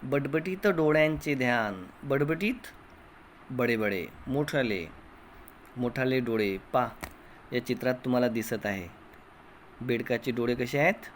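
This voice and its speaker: A man teaching a children's poem, chanting each line and explaining it slowly, switching languages as he goes. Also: mid-range voice, slight background noise. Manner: chants poem lines and repeats them. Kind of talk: online class lesson.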